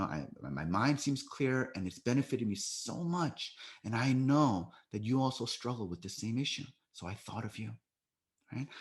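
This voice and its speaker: Over a video call, an American man with a medium-pitched voice gives a sales training talk. He coaches his listeners and keeps checking in with "right?".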